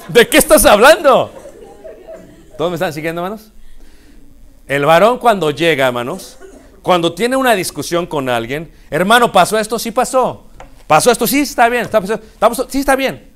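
Male preacher, high voice, playful storytelling sermon. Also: a little fast. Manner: animated, acts out couples' dialogue with humor.

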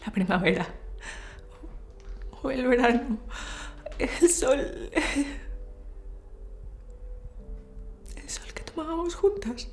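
An actress from playing a middle-aged, grieving, sick woman who speaks with tragic sorrow, hushed, halting and fragile, in a film drama monologue. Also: a little high. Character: grieving sick woman reminiscing tenderly to her estranged sister. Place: indoor room, film set.

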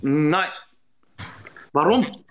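A man's voice: fairly high pitch, lively intonation, drawn-out words. A young man chatting casually as a livestreamer over a video call. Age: young adult. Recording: faintly noisy livestream audio with clicks.

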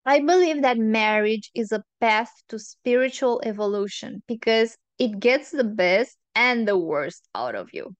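A woman hosting a relationship advice monologue, earnest and opinionated, laying out her points in measured lists. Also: a little high, lively intonation, no room sound, highs cut off.

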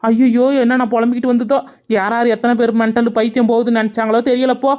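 A woman's voice: a little high, level tone, fast talker, natural voice. A woman voicing a gossiping village woman who pities a neighbor with a mocking tone, in a cartoon. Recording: tinny phone-like lo-fi sound.

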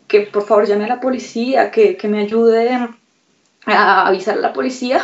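A young woman with a fairly high voice recounts what happened to her in a news interview, halting and shaken, stumbling over repeated words. She sits a little back from the mic, and the sound is dull and lo-fi. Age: young adult. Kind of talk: emotional testimony in a news interview. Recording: slightly distant, dull lo-fi sound.

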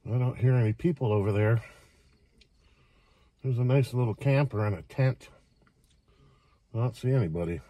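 A man in his sixties chatting casually to camera from inside a parked car, making short, unhurried remarks. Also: mid-range voice, dark tone, no room sound. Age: 60s. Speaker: vlogger. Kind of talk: casual chat to camera while eating.

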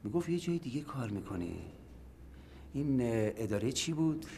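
A sociable man chats in a chummy way with a friend in a TV sitcom. His voice sits at an ordinary middle pitch. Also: sing-song, creaky, mellow, slight background noise. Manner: pleading, then chummy. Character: sociable man back from studying abroad. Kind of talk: sitcom acting.

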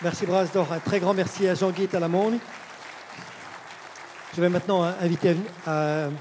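Older male event presenter, slightly high, mellow voice, big reverberant hall with audience sound. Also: slight background noise. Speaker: presenter of the conference. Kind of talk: introducing speakers. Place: large stage in an auditorium. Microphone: handheld microphone.

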